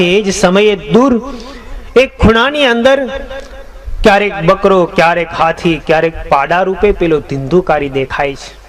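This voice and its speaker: A man with a high-pitched voice narrates a scripture tale as a swami, in a measured, dramatic way. His delivery is steady and devotional. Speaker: religious storyteller, swami.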